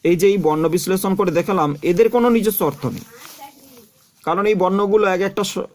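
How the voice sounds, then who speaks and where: A man's voice: high-pitched, fast. A man teaching a class on speech sounds, explaining step by step, repeating terms and examples, and telling his students where to look. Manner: addresses students directly, telling them to look. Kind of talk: classroom lecture on phonetics.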